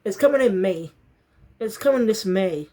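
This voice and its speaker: A woman chats through an episode recap in a loose, unscripted way. She often stops to correct herself mid-sentence. Her voice sits at an ordinary middle pitch. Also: expressive, moderate pace, mellow. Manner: rambling, self-correcting, bursts into fits of laughter. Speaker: show reviewer. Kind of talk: casual spoken review.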